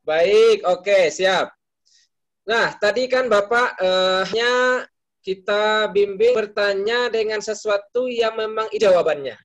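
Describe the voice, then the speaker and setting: A man's voice: high voice, slow pace. A man teaching an Arabic class, explaining patiently step by step and calling on students by name to answer.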